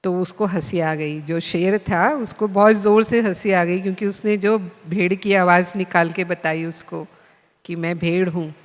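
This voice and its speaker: A woman spiritual teacher telling a story in a class, in an unhurried storytelling manner. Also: lowish voice. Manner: unhurried storytelling, voices the animals. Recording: long hall reverb.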